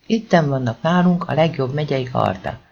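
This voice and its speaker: A man's voice: mid-range voice, very animated, creaky, darkish tone, highs cut off. A man voicing a harried, middle-aged male police chief with a dry, sarcastic way of talking in an audiobook. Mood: sardonic.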